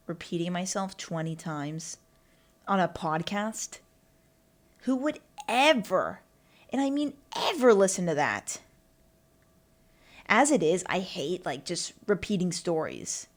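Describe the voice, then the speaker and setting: Hosting her own podcast, a young woman rambles casually solo, full of fillers, asides, and talking to herself. Her pitch is fairly low and her intonation lively, but she speaks slowly and pauses often.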